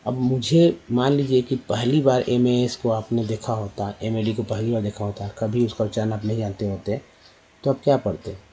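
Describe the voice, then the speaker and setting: A man giving a spoken pronunciation lesson, spelling out letters and repeating words slowly for his viewers. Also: on the low side, fairly even intonation, warm tone, dull audio, a little hiss or hum. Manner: addresses viewers as friends. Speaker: English pronunciation teacher.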